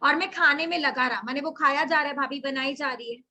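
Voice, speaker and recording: Bright high-voiced woman teacher. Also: brisk. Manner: reads text aloud then explains in mixed Hindi and English. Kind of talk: line-by-line literature lesson.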